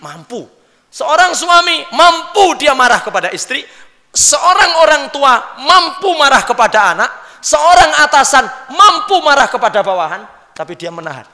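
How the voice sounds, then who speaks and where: A man with a Javanese accent giving a lively sermon, often questioning his audience directly. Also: very high voice, measured pace. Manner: lively, questions the audience, mixes in local words. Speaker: preacher. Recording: long hall reverb.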